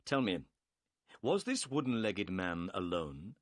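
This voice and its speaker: A calm, clever male detective, polite and quietly sure of himself, as a male reader plays him. His lines come brisk and assured, pitch moving in wide sweeps as in a storybook reading. The recording is dry and close. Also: no echo, full character voice. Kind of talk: audiobook character voice.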